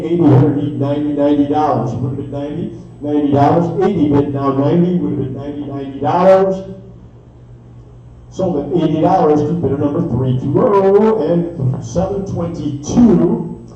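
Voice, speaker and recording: A man working as an auctioneer, calling bids live in a rapid, repetitive chant with filler phrases. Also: a little high, mellow. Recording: echoey distant dull room sound, faint music.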